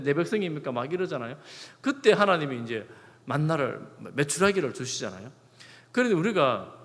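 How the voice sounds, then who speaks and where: A middle-aged male pastor preaching a sermon, acting out quoted prayers and words in shifting tones. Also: high-pitched. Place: church sanctuary. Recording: long hall reverb.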